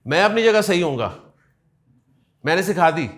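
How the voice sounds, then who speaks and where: A man with a Pakistani Urdu accent gives a classroom lecture, and his voice sits fairly high. He drills word endings aloud with his class in a lively, joking way. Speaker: Arabic teacher.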